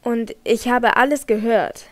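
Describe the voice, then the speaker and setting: A woman's voice: on the high side, steady tone, measured pace, natural voice. A woman voicing a jealous, agitated young male nobleman in an audiobook, heated and accusing. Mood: angry accusing. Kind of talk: audiobook character reading.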